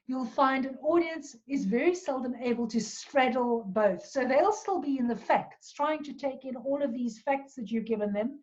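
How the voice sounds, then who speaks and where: A woman giving a talk on public speaking, with a clear, measured delivery and deliberate pauses. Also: high-pitched, darkish tone. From South Africa. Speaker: presentation coach. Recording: dull lo-fi recording.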